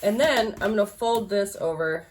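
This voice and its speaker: Teaching a sewing project in a relaxed, chatty sewalong, this woman speaks at medium pitch and a moderate pace, with a little hiss or hum in the recording. She sounds slightly nasal and congested from allergies, and her talk is full of fillers and restarts.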